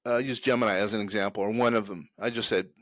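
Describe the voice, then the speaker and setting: A man's voice: on the low side, fairly even intonation, fast, dry recording. A man hosting a casual talk show, giving advice to entrepreneurs in a loose, rambling way with restarts and fillers. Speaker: host.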